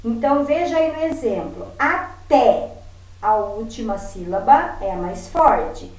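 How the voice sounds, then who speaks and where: A woman teacher, giving a remote lesson to her pupils and patiently saying example words slowly so they can hear them. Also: on the high side, animated, a little mellow. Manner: patient, repeats words slowly to model stress. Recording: very echoey room, voice from far off.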